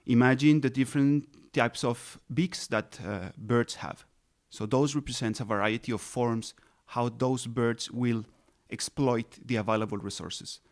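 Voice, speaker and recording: A man in his thirties who grew up in Colombia answers interview questions with patient, careful explanations. His voice sits in a middle pitch, and he often restarts a phrase or pauses on a filler before finding the word. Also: steady tone. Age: 30s. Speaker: ecologist guest.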